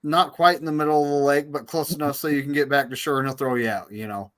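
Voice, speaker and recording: A man's voice: fairly high pitch, steady tone, fast talker, a bit bright. A man in casual chat, telling anecdotes in an easygoing way. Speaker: podcast panelist.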